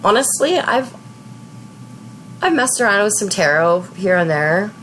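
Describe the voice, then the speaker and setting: A woman in her thirties hosting a let's play, giving casual, chatty game commentary in a relaxed way. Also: mid-range voice, a little hiss or hum, poor audio. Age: 30s. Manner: chatty, relaxed, slow talk.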